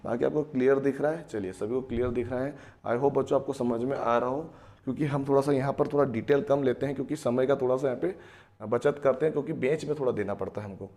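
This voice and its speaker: A man's voice: medium pitch, quick pace, mellow. Man teaching math to children. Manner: explains step by step, often asks and answers himself; addresses students as children, repeats key phrases. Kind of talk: online math lesson.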